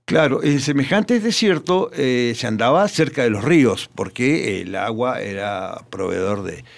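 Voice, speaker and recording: A man with a gravelly, creaky voice tells history in a relaxed radio chat. He pauses often and fills gaps with "eh" and "este" as he searches for words. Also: medium pitch. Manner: hesitant, many fillers and restarts. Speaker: guest. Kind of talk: casual radio interview.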